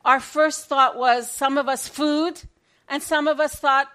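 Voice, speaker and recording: A woman's voice: high-pitched, fairly even intonation, unhurried, a bit bright, pitched above the performer's own voice. A woman voicing a desperate young prisoner. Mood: eager.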